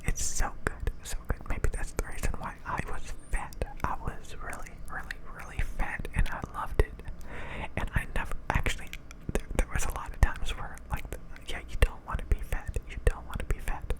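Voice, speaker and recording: A person giving a casual, rambling ASMR pep talk in a breathy whisper, often hesitating and repeating phrases. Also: moderate pace, low-quality recording. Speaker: ASMR creator.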